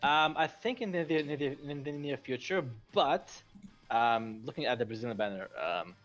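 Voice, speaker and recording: A man's voice: mid-range voice, lively intonation, normal speed, a bit bright, highs cut off. Hesitant man on a gaming podcast. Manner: hesitant, many fillers and restarts, laughs easily. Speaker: podcast co-host. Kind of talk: casual gaming podcast chat. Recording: faint music bed behind.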